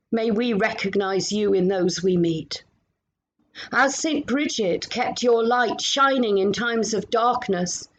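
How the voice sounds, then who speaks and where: A woman minister at home, leading a gentle, meditative prayer and reflection with long pauses. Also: on the high side, lo-fi sound.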